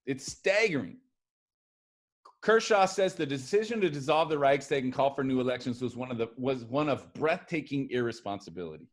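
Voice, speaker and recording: Man, history teacher, casual lecture, animated, classroom. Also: medium pitch, fairly quick. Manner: animated, acts out quotes of historical figures.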